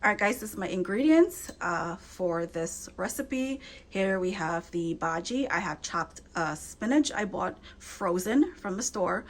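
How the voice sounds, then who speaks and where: A woman hosting her own cooking channel, talking viewers through a home cooking demonstration in her kitchen in a chatty, reassuring way, often checking in with them. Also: medium pitch. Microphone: camera she set up herself.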